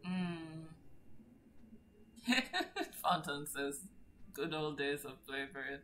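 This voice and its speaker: A young adult woman chats casually on a live art stream with a notably low voice. She teases her co-host playfully and wanders from topic to topic. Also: animated, drawn-out words, bright, forceful tone, slight background noise. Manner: playful, teasing.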